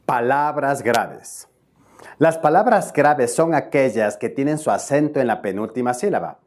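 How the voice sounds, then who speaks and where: A man's voice: mid-range voice, lively intonation, measured pace, a little mellow. Man explaining spelling rules step by step. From Ecuador. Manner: explains step by step, often checks in with viewers. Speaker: spelling tutor. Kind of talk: video tutorial lesson.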